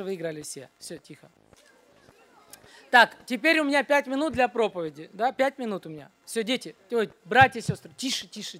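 Brisk woman hushing children at church. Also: on the high side. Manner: brisk, keeps hushing a noisy group of children. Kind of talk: leading a Bible quiz, then a short sermon to children.

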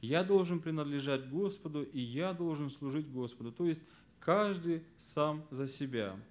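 Man, Sunday school teacher, earnest, fairly high voice, stresses words. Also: moderate pace. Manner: earnest, stresses key words, drops to soft voice at verse endings; explanatory, addresses listeners as friends. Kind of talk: teaching lesson to fellow teachers.

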